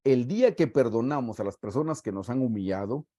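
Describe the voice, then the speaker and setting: A man with a Guatemalan Spanish accent preaching a sermon, reading scripture aloud and stressing words slowly for emphasis. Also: medium pitch, lively intonation, dark tone, dry recording, clean studio sound. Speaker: pastor.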